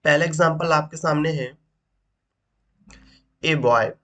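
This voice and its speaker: A man's voice: on the high side, slow pace, sharp tone. A man teaching an English grammar lesson, asking rhetorical questions and repeating each point as he explains. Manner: asks rhetorical questions, repeats points, says "ठीक" often.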